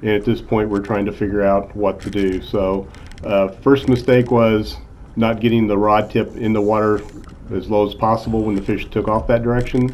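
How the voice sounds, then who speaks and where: A man's voice: fairly low pitch, level tone, moderate pace, darkish tone, a little hiss or hum. A man in his sixties casually narrating his fishing trip, easygoing, with frequent "uh" fillers. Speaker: channel host, accountant. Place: in a car, then voice-over.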